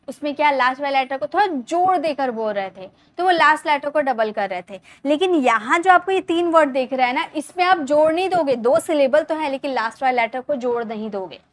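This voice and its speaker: A young woman teaching English grammar in Hindi, explaining step by step, repeating words slowly and asking her class questions. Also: high-pitched, no room sound. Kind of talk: Hindi-language grammar lesson.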